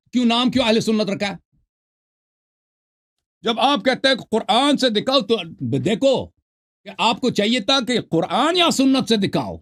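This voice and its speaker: Combative debate host, high voice. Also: male voice, a bit bright. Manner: combative, talks over the caller, reads out book passages. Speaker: host of a debate call-in show. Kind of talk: heated religious debate. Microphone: online call.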